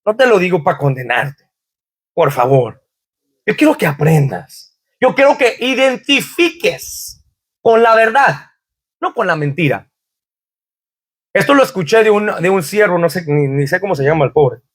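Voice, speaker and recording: A man's voice: high voice, very animated, measured pace, long pauses, breathy edge. A man preaching a sermon in a church as pastor, quoting scripture fervently and asking the congregation rhetorical questions.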